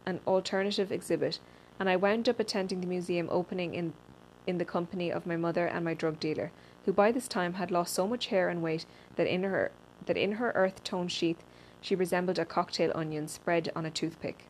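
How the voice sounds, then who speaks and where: A woman reads a personal essay aloud in a dry, deadpan manner, with a slightly low voice. She sometimes trips over a word and restarts it. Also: a little hiss or hum, low-quality recording. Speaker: reader.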